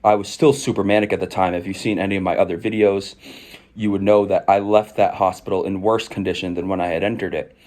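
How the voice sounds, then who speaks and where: Young male, low voice, articulate personal storyteller reading aloud and explaining. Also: flat delivery, fast talker, a little mellow. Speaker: video creator recounting own past.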